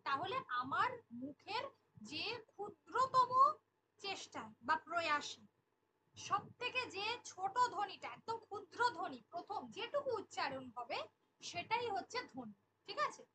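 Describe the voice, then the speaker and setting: A Bengali teacher runs an online exam-prep class, speaking in a very high, expressive voice at a slightly slow pace. She repeats every key definition and keeps asking the class questions. An obvious background hiss runs beneath the entire recording.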